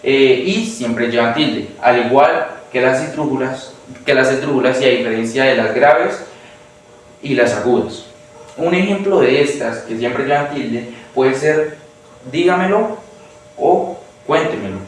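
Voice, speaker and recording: A man's voice: medium pitch, a little slow. Teen boy, Colombian accent, school presentation, hesitant, roomy echo with faint hiss. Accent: Colombian Spanish. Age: teenager. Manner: hesitant, many restarts and fillers. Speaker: student presenter. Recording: echoey room from far off, faint hiss.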